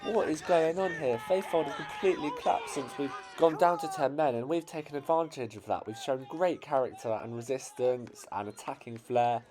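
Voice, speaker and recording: A man with an English accent commentating on his own amateur football team's match highlights, his voice cracking as the excitement builds. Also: normal speed, few pauses. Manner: builds to shouting excitement at late chances.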